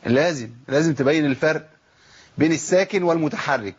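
A man with a fairly high, slightly rough voice teaches tajweed in an Egyptian accent, and the recording has its highs cut off. As a Quran recitation teacher, he speaks fast and with animation, asking himself questions and sounding out letters as examples.

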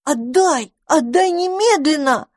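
A woman voicing a tiny, excitable mouse boy who pleads in a shrill voice. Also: a little slow, slightly rough, no room sound, clean studio sound, full character voice. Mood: demanding.

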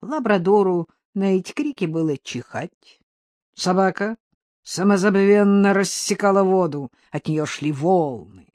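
A narrator reading an audiobook aloud in a lively, expressive way, telling it in the first person. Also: mid-range voice, measured pace, dry recording, clean studio sound.

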